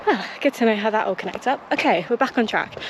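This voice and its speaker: Jogging along trails, a British woman vlogs to camera in a slightly high, animated voice, talking fast and casually. The outdoor setting makes the recording noisy.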